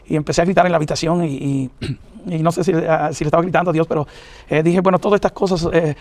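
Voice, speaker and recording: Fast, halting preacher man telling his testimony. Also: fairly high pitch, steady tone, a little mellow, dry recording. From New York, of Puerto Rican parents. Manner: earnest, halting, many fillers. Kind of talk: personal testimony in an interview.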